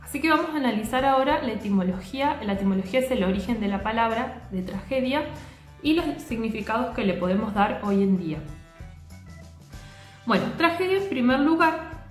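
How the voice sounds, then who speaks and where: A woman teacher explaining a lesson to her students, often pausing to check that they follow. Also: a little high. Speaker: literature teacher. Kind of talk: recorded class lecture. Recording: echoey room.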